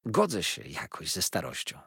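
A man's voice: low-pitched, huge pitch swings, normal speed, creaky, fairly bright tone, husky, no echo, clean studio sound, full character voice. A man voicing an older aunt who talks cheerfully and soothingly to her niece. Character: older aunt, brisk, cheerful, fondly reassuring.

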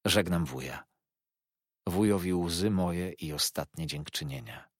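A man reading aloud a remorseful young woman's farewell letter in a slow, pleading way. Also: sits low, breathy edge, no room sound, clean studio sound.

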